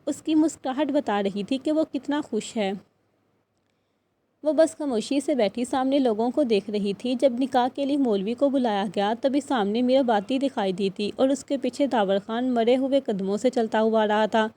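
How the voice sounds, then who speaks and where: Mellow-voiced woman reading a novel. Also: a little high. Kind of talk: scripted audiobook narration.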